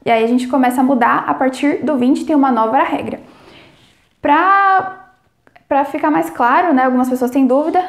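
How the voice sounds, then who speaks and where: A woman teaching German numbers in Portuguese, explaining clearly and slowing down to model each word's pronunciation. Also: high-pitched, echoey room. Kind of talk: language lesson.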